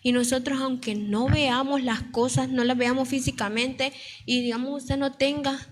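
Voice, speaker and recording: A young woman shares an earnest testimony in church, her pitch sitting a little high. Her throat is still sore and her story circles back on itself. A faint hiss stays behind her voice. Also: fairly even intonation, normal speed. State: sore throat, slight cough. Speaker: church speaker giving a testimony. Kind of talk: testimony sermon to a congregation.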